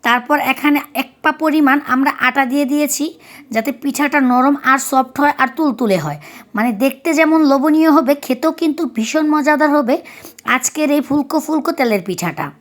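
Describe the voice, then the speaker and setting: A woman from Bangladesh talks through a home recipe, explaining each step as she goes. Her voice sits high, and her delivery is chatty and easygoing. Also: brisk. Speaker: cooking vlogger. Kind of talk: recipe narration.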